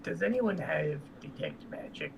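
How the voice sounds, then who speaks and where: A man's voice: a little high, lively intonation, measured pace. A man playing a tabletop role-playing game, talking casually as he works through the situation. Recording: clear background noise.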